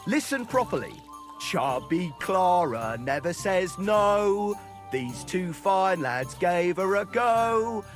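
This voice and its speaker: A man's voice: high voice, a bit bright. An actor playing a crude, boozy male troubadour in a video game, boisterous and mocking. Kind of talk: video game cutscene acting.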